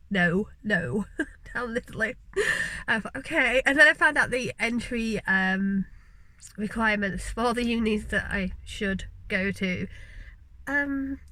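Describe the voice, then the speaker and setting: A mature woman from West Yorkshire talks straight to her camera in a chatty, earnest way, drifting into tangents and filling pauses with ums. Her Yorkshire accent is clear, her tone bright and forceful. The sound is dry and close, with no room around it. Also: mid-range voice, no echo, rough recording. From West Yorkshire, England. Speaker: vlogger, mature law student. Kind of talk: casual talking-to-camera vlog.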